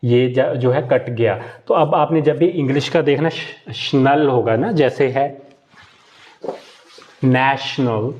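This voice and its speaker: This man leads a live online Italian class, explaining one step at a time, asking questions and answering them himself, his Hindi-Urdu sprinkled with English and Italian terms. His mid-range, darkish voice is a little slow with few pauses, and the recording sounds muffled.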